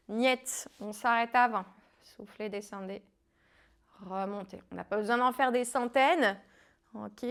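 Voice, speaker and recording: A French-accented woman leads a home floor workout in a voice that sits a little on the high side. She calmly cues each breath and movement, and now and then she stumbles over a word. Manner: calm cueing of breath and movement, occasional stumbles over words. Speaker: fitness coach. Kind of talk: guided home workout instruction. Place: home living room.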